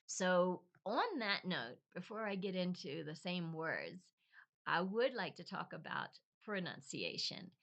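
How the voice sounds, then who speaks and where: Woman giving a chatty spanish sounds lesson, lowish voice, thinks out loud, repeats sounds slowly, poor home recording. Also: very animated, highs cut off. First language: English. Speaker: language teacher. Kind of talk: casual spoken lesson.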